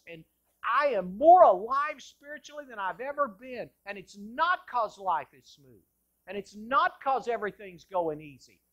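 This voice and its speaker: A male pastor with a very high-pitched voice delivers an impassioned sermon in a church sanctuary, moving between loud bursts and hushed lines. The audio is dull.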